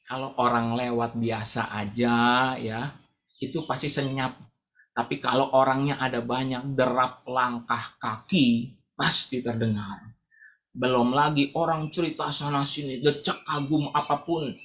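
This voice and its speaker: A man preaching a sermon as pastor of a church, dramatic and swinging between loud calls and quiet asides. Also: medium pitch. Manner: acts out the blind man's cry.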